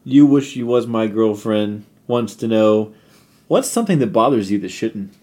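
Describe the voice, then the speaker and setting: A man's voice: lowish voice, animated, moderate pace, a little mellow. A man co-hosting a podcast in casual chat, teasing and joking with his friend. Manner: playful, teasing, laughing often. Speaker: podcast co-host.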